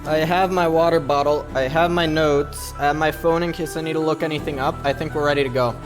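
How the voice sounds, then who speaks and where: A man's voice: fairly high pitch, steady tone, a little fast. A man streaming a speedrun, chatting casually to viewers and himself as he sets up, heard through livestream headset audio. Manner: talks to himself while setting up, hypes himself up. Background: music.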